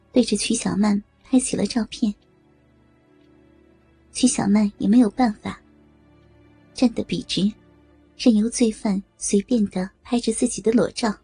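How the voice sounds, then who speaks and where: A woman telling an audio story in steady, even narration. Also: mid-range voice, unhurried, creaky, pauses often, breathy edge, no room sound, faint music behind.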